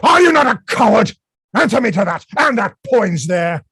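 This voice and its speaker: An actor reading a fat old rogue knight in a Shakespeare play, grumbling and blustering like a drunkard in a gravelly voice. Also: male voice, a little high, very animated, takes it slowly, a little mellow, a little hiss or hum, exaggerated voice. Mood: indignant taunting. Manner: grumbling drunkard's bluster, swinging from muttering to bellowing.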